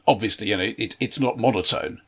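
A man, a tabletop game master, talking in a measured way in a casual chat, often stammering on his first words. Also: fairly low pitch, fairly bright tone, breathy edge.

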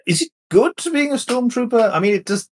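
A man's voice: very high-pitched, expressive, brisk. A man playing a tabletop game, polite and genteel in manner. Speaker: player.

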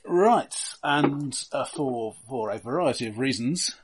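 A man explaining things casually as a game master, in a halting, deliberate way. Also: medium pitch, expressive. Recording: clearly noisy background with clicks.

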